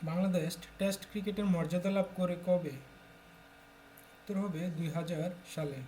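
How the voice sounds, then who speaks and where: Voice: mid-range voice, steady tone, measured pace, mellow, slight background noise. A tutor from Bangladesh steadily reading exam questions aloud and announcing each answer in turn.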